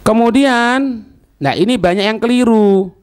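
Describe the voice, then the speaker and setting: This Javanese-accented Islamic teacher speaks at a measured pace, his voice sitting high with a clear, resonant tone. Teaching religion didactically, he repeats phrases and makes sure the students keep up.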